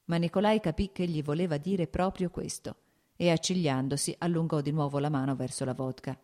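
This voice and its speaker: A woman calmly narrating a classic novel as an audiobook reader. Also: low voice, brisk. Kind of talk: scripted literary narration.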